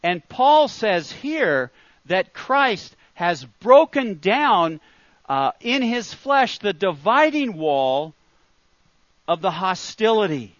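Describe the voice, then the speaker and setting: A man delivers a sermon in a high voice that rises and falls freely. He speaks slowly, earnest and emphatic, returning to his key phrases. The recording is dry and a little dull. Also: big pitch swings, a bit bright, no room sound. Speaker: preacher.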